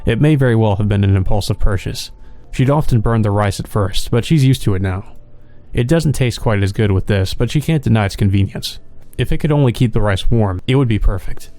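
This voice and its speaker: With a lowish, mellow voice, a man narrates a visual novel in a let's play. His delivery is plain and measured, like steady storytelling.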